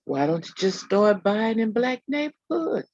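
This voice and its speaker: A woman's voice: medium pitch, sing-song, measured pace, a little mellow, dry recording, highs cut off. A woman co-hosting a casual podcast, emphatic and talking straight to listeners as y'all. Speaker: podcast co-host.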